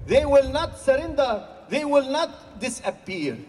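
A man from Gaza, giving an impassioned protest speech at an outdoor rally, sometimes rising to shouts. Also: very high voice, very animated, measured pace. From Gaza, Palestine. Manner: forceful, rising to shouts at times. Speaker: rally speaker. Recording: distant reverberant rally recording with faint noise.

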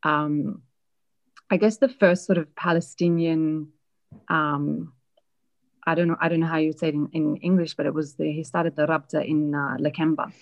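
A woman being interviewed, reflectively telling a personal family story with many pauses and fillers. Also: deep voice, steady tone. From Australia. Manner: reflective, hesitant with frequent fillers.

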